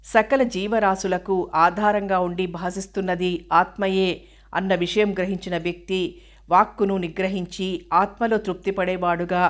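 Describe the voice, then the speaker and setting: A woman reading a scripted spiritual commentary on a scripture in a measured, explanatory way, now and then asking and answering a question. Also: fairly low pitch.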